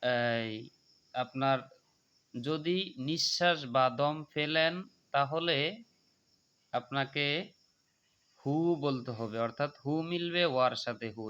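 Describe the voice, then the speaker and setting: A man teaching Quran recitation, explaining pronunciation calmly and then chanting the verses slowly and melodically. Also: mid-range voice, clear, resonant tone. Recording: muffled lo-fi recording.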